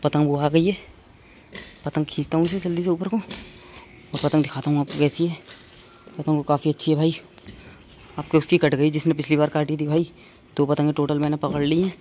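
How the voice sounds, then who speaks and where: A young male vlogger on open rooftops gives informal running commentary, captured in a noisy open-air handheld recording. His fairly high, darkish voice is flat and brisk, with frequent pauses. He treats viewers like friends and keeps repeating phrases.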